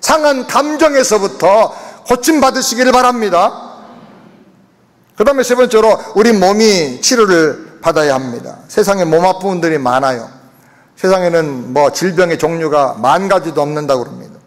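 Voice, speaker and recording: A man's voice: sits high, moderate pace. A man preaching a sermon as senior pastor, speaking emphatically to his congregation in a church sanctuary. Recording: long reverb of a church hall.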